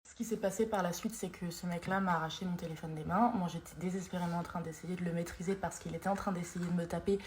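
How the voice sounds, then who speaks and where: A woman's voice: fairly low pitch, steady tone, fast, few pauses, darkish tone. Blunt young woman talking to her phone. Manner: blunt, talkative, swears freely. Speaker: vlogger. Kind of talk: phone story recounting events. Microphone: phone held at arm's length.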